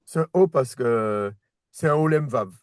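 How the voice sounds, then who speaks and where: A Hebrew teacher gives a patient one-on-one reading lesson, repeating words and restarting sentences as he explains. His mid-range voice is smooth and moderately paced, with clean studio sound and no room echo.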